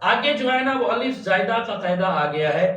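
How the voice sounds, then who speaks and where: A man teaching Quran recitation step by step, patiently spelling out letters and chanting long drawn-out syllables. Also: high-pitched, lively intonation, pushed and bright, distant mic. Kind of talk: step-by-step tajweed lesson. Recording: echoey room, voice off-mic, faint hum.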